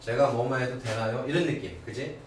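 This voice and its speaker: A man's voice: mid-range voice, brisk. A middle-aged man teaching English grammar in a classroom lecture, constantly checking in with his students. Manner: animated, keeps asking "그지?" and "오케이?". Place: academy classroom. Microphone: far camera. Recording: very echoey old classroom recording from far off, faint hiss.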